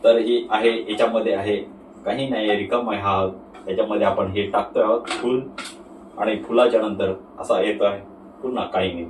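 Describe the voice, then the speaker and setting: A man's voice: on the low side, fairly even intonation, moderate pace. Guy w marathi accent doing kids party magician patter, simple step by step, echoey and far from mic, bit of noise. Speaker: magician presenting tricks. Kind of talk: magic trick demonstration to camera. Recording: roomy echo, distant mic, faint noise.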